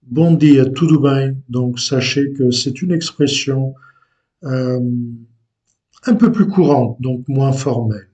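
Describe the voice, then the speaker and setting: Slow, hesitant man teaching language. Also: medium pitch, dark tone, highs cut off. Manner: slow and deliberate, with frequent hesitations. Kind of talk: unscripted language lesson.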